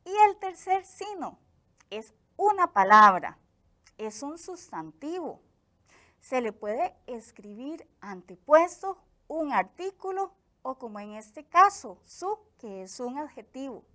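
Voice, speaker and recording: A woman teacher from Costa Rica with a Costa Rican accent, giving a clear, explanatory grammar lesson for television. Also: high-pitched, sing-song, bright, forceful tone. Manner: slow, clear explanatory delivery.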